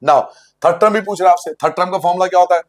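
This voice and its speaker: High-voiced man teaching maths. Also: rapid-fire. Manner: asks questions and answers them himself, repeats steps in a sing-song way; playful, jokes with the class. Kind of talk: blackboard maths lesson for school students.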